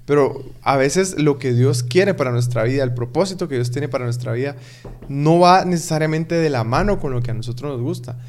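A man's voice: medium pitch, fairly quick, a little mellow. A man talking in an earnest, preaching way during a casual faith conversation.

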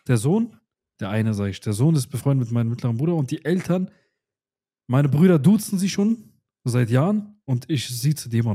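A man in his twenties co-hosting a podcast, telling stories in lively, slangy casual chat. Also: mid-range voice, breathy edge. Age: 20s. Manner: lively, animated storytelling with slangy asides. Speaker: podcast co-host.

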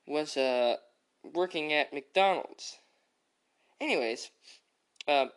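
A woman doing George, a deep voice-changer boy. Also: fairly bright tone, heavily acted. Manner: bossy, rambling, full of fillers. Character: brash boy character who thinks he is cool. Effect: voice changer pitching the voice far down. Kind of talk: playful home skit.

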